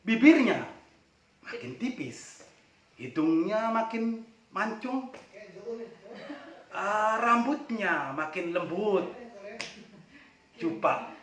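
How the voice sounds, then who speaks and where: A storyteller with a high, fairly bright voice tells a folk tale in a dramatic, playful way, very animated, drawing out words and leaving long pauses. He sounds distant from the mic in an echoey room.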